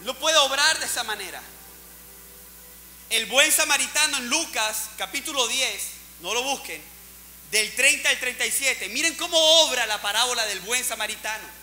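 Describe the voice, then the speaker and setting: A male pastor preaches in a high, piercing bright voice, rising and dropping sharply as he acts out the figures of the story. His words ring through a reverberant church hall while faint music plays underneath. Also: moderate pace. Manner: preaching with dramatic swings, acting out Bible characters. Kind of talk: sermon.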